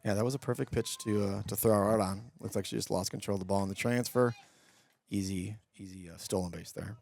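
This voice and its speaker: A man's voice: lowish voice, fairly even intonation, a little fast, vocal fry, a little mellow. A man with a nasal voice giving chatty, opinionated color commentary on a game. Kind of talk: sports commentary.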